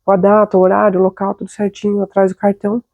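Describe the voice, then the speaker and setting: A woman's voice: mid-range voice, completely flat delivery, fast, no room sound, phone-quality sound. A young adult woman with a Brazilian Portuguese accent, hosting and telling a personal story in a chatty, confiding way with frequent tag questions. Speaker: host.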